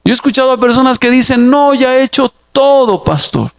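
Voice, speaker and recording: A man's voice: very high-pitched, animated, fairly quick, creaky. A male pastor preaching an expository sermon, reading Bible verses aloud and putting questions straight to the congregation. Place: church.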